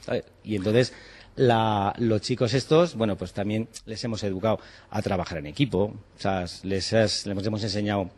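In casual interview talk, a chef and cooking teacher from Spain in his forties speaks animatedly, acting out snippets of dialogue and swearing here and there. His fairly low, slightly mellow voice keeps fairly even intonation at a moderate pace. A little hiss or hum is audible.

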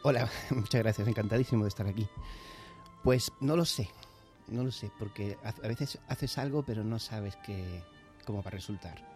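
A man's voice: on the low side, normal speed. A man, a novelist guest on a radio show, talking in a chatty, reflective way and laughing easily. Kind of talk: radio interview. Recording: soft music playing underneath.

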